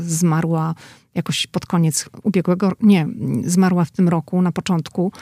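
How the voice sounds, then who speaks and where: A woman reporter talking casually and with animation about an event she attended, quick to push back in discussion. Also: lowish voice, mellow, no room sound, studio quality. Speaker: correspondent.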